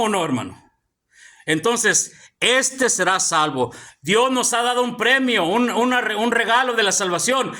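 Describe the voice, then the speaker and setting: This pastor preaches in an extremely high, pushed and bright voice. Gathered in a church hall, his congregation hears him call out "hermano" time after time.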